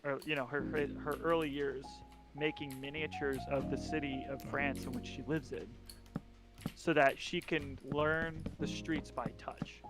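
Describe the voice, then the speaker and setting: A man's voice: a little high, flat delivery, unhurried, over music. A young man co-hosting a stream, rambling in casual chat with lots of fillers and restarts, his voice cracking now and then. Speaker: stream co-host.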